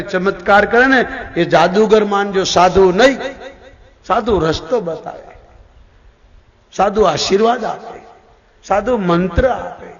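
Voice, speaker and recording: A man's voice: sits high, fairly bright tone. A Gujarati-accented man giving a devotional discourse, telling stories dramatically and acting out the characters' lines. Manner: dramatic, voicing characters in the story. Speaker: religious storyteller. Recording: dull recording in a reverberant hall.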